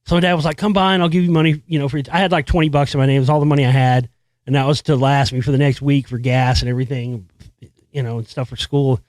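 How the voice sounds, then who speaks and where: A man's voice: medium pitch, little pitch movement, fast, a little mellow, dry recording. A middle-aged man telling a long story on his podcast, rambling and profane, full of fillers and restarts. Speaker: podcast host. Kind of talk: casual storytelling monologue.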